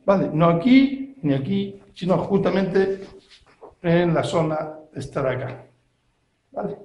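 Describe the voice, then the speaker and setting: A man teaches self-defense moves one step at a time and keeps checking that his learner is following. His voice sits fairly high. It rings out in a strongly echoing room. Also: lively intonation, slow, darkish tone. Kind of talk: hands-on technique demonstration. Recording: very echoey room.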